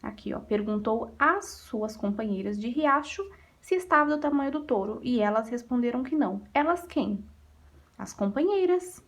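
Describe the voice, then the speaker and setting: A primary school teacher with a Brazilian Portuguese accent speaks at normal speed in a fairly high, expressive voice. In a recorded remote lesson, she goes over exercises, patiently asking her own questions and answering them.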